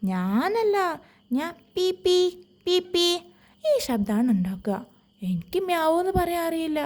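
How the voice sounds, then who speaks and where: A woman voicing a small timid male mouse who pleads and squeaks in a children's story. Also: big pitch swings, moderate pace, warm tone. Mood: pleading.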